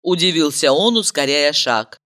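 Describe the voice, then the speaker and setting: A woman narrating a story in a lively, dramatic way. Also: low-pitched, moderate pace. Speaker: audiobook narrator.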